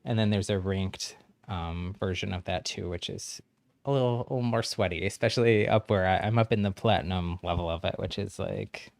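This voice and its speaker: Speaking fairly quickly in a low voice with vocal fry, a game streamer casually explains things to newcomers, friendly and encouraging. He chuckles often, and the recording has no room sound.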